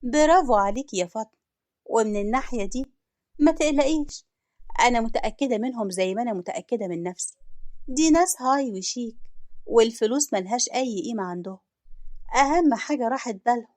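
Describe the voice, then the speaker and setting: A woman's voice: a little high, expressive, quick pace, pauses often, a little mellow, no room sound, clean studio sound, lightly acted. A woman with an Egyptian accent voicing a scheming female coworker who coaxes and insists with confidence. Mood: persuasive.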